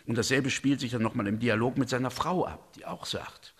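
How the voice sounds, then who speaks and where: A man's voice: fairly quick, fairly bright tone, slightly rough. A man giving a thoughtful, explanatory talk on a religious drama, lifting his voice when he quotes. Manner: thoughtful, explanatory, voices quotations with raised pitch.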